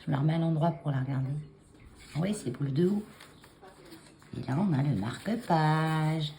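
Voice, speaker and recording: A craft vlogger with a lowish, warm voice shows handmade cards at her desk, talking casually to a phone camera on a taped stand. She's animated and chatty but halting, with many fillers and restarts, clearing a frog in her throat against faint background noise.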